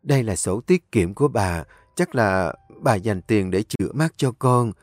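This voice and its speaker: A man's voice: on the low side, lively intonation, a little slow, a little mellow, no echo. A man voicing a determined, tender young woman from the countryside, talking in an emotional, pleading way. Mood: gentle.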